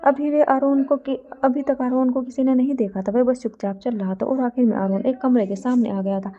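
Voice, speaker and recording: A woman narrating a romantic story from a script in a steady reading voice. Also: high voice, normal speed, phone-quality sound.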